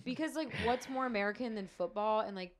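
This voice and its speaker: A woman's voice: fairly high pitch, fairly quick, crowd noise. A young woman hosting a podcast in casual chat, gushing and swearing casually.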